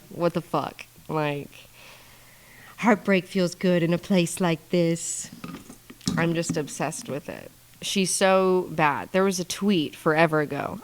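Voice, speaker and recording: Profane, rambling young woman. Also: on the low side. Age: 20s. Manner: profane, rambling, deadpan with bursts of laughter. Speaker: podcast guest. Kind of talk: casual storytelling monologue.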